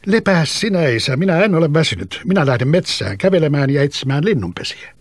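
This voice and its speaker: A man's voice: a little high, very animated, dry recording, studio quality. A man voicing a clever, bold young boy, answering eagerly and with self-assurance in a storybook reading. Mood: cheerful.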